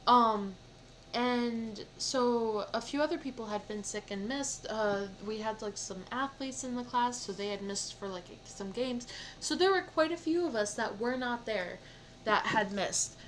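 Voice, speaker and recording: A young woman with a slightly high voice tells a personal story on stream. She rambles, leaning on "like" at every turn, and her retelling stays animated. A faint hiss sits in the background. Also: unhurried, rough recording. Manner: rambling, heavy use of "like" fillers. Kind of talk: casual storytelling chat.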